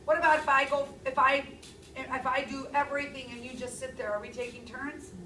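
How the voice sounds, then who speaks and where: A woman in her thirties teaching a classroom language lesson, speaking clearly and stressing key words. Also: sits high, steady tone, fairly quick, sharp tone, a little hiss or hum. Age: 30s. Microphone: far camera. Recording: echoey classroom from far off.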